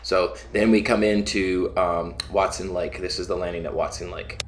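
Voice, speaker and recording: Deep-voiced man narrating, casual and halting. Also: steady tone, slight background noise. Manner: halting, plain-spoken. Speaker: pilot narrating his own flight video. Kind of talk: casual unscripted travel narration.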